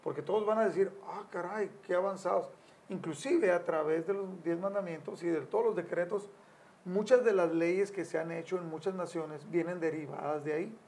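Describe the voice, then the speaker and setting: Gravelly older man telling family stories. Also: high voice, moderate pace, darkish tone. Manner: storytelling, acts out quotes with raised voice. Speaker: family counselor guest.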